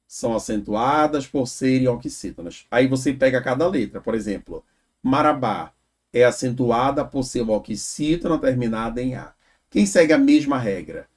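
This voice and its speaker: In an expressive, slightly mellow mid-range voice, a man works through exam-prep grammar one step at a time. He takes it slowly, drawing out the example words, and keeps asking "né?" and "tá?" to check that listeners follow.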